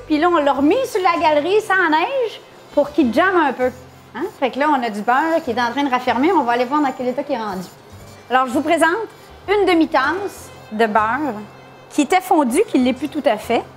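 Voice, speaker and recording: A woman hosting a casual cooking tutorial, playful and jokey. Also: high-pitched. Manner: playful, jokey, laughs often. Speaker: cooking show host.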